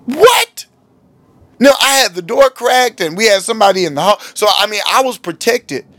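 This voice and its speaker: A man, a pastor and podcast host, telling a story from his church in an animated, joking way. He often restarts his words and jumps up high when he acts surprised. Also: a little fast, no room sound. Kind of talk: casual storytelling monologue.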